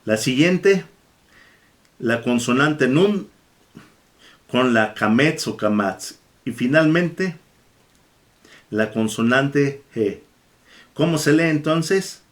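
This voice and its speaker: A man teaches a Bible Hebrew lesson at a deliberately slow pace. His voice sits at an ordinary middle pitch, and he repeats each word several times for his listeners. Between points he pauses to give thanks to God. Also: animated. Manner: repeats words slowly for the learner, blesses God between points. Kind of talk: slow, patient classroom lesson.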